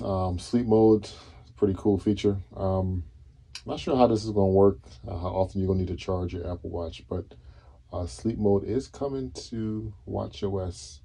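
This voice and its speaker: Deep dark-voiced man, relaxed vlog. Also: husky. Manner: relaxed, many fillers and restarts. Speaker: tech vlogger. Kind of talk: casual solo video review. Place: dim indoor room, seated on a couch.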